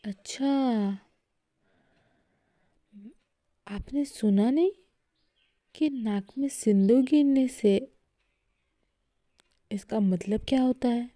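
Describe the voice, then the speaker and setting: A woman reading a story voices a cheerful young woman who speaks softly with light teasing. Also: mid-range voice, slow, no room sound, clean studio sound, lightly acted. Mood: playful.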